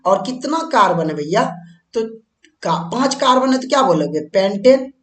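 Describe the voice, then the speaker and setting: A man's voice: high-pitched, animated, moderate pace, echoey room. A man teaching a chemistry lesson at a board, chatty, keeps asking his students questions and answering them himself. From India. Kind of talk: board-exam lesson at a whiteboard.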